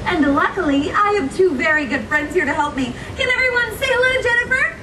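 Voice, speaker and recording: At a theme park live show, a woman plays a gracious young princess telling children a story, her very high, animated voice theatrical and full of encouraging questions. She speaks quickly in a bright, inviting mood, recorded from a distance with echo and audience crowd noise.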